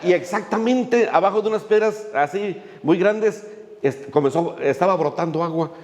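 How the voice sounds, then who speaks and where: A man's voice: high voice, moderate pace, darkish tone, in a large hall. A male pastor, preaching a sermon in a folksy way, with many fillers and little jokes as he tells a story.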